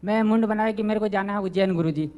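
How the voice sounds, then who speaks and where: Deferential devotee in his thirties, high voice, halting delivery. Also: a little mellow. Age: 30s. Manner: deferential, halting, keeps saying guruji. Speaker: devotee asking a question. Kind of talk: personal question to a spiritual teacher.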